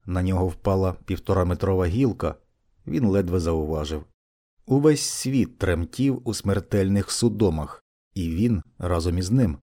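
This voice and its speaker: A man narrates an audiobook in a low, warm, mellow voice. His reading is steady and measured, paced like scripted storytelling.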